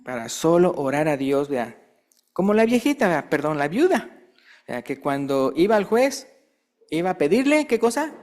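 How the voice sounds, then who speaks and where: A man's voice: very animated, moderate pace, a little mellow. A man preaching a sermon in a conversational way, asking the congregation questions and acting out quoted voices. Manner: acts out quoted voices with rising pitch.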